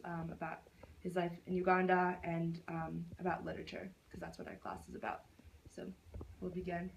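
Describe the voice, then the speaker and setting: A woman's voice: on the low side, a little hiss or hum, rough recording. A young woman interviewing her grandfather for a class, hesitant and full of ums. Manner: hesitant, many ums and soft backchannels. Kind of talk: casual student interview. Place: grandparents' house, indoors.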